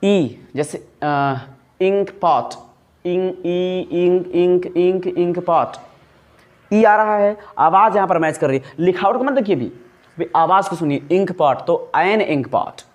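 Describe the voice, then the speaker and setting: A male teacher with a slightly high voice walks his class through pronunciation. He stretches sounds out slowly to show how they are made, then poses questions and answers them himself. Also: animated. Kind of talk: classroom grammar lesson.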